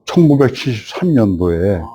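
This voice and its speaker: A man in his seventies, a film director, telling a host stories from his past and growing animated as he recalls it. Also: on the low side, normal speed. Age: 70s. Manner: animated storyteller, rising when recalling the past. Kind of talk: reminiscing storytelling.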